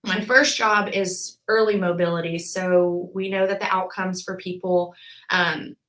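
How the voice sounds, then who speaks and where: A woman's voice: on the low side, level tone, measured pace, fairly bright tone, low-quality recording. A woman in her twenties, a physical therapist, talking casually as a podcast guest with lots of filler words. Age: 20s. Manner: chatty, frequent "like" and "um" fillers.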